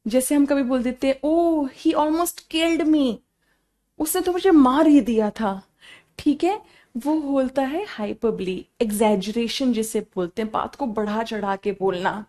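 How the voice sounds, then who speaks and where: A woman's voice: a little high, normal speed, dark tone. A young woman teaching an online exam-prep class, explaining patiently and mixing Hindi with English while quizzing her students.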